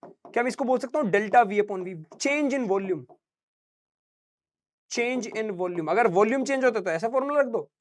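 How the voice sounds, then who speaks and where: Expressive and high-voiced, a young physics teacher speaks at a measured pace with frequent pauses. His casual, chatty lecture addresses students as beta and bhaiya, mixes in anecdotes, and sprinkles little sung sound effects between points.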